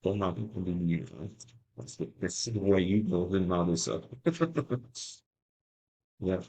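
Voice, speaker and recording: A man's voice: deep voice, little pitch movement, measured pace, a little mellow. A man with a Québécois French accent, chatting casually to viewers as he scratches lottery tickets and reads the letters out one by one.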